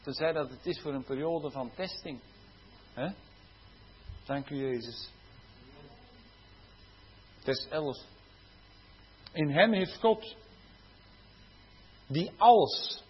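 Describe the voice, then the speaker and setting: A man's voice: fairly high pitch, expressive, slow pace, pauses often, muffled recording, a little hiss or hum. A man preaching a sermon, swelling into fervent cries of hallelujah and dropping into conversational asides where he corrects himself. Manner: rising to fervent exclamations of hallelujah.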